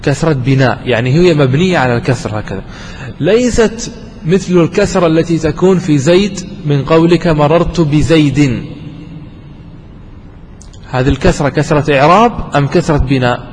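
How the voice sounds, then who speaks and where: A man's voice: fairly high pitch, moderate pace, a little mellow, big-room sound, slight background noise, low-quality recording. A man giving a classroom grammar lesson who keeps asking his listeners questions, answers them himself and repeats each definition. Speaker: grammar teacher.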